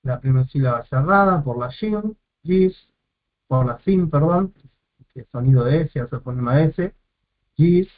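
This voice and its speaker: A man's voice: fairly high pitch, animated, a little slow. A man teaching a lesson step by step, repeating and sounding out each syllable and correcting himself as he goes. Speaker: Biblical Hebrew teacher. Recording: tinny phone-like audio.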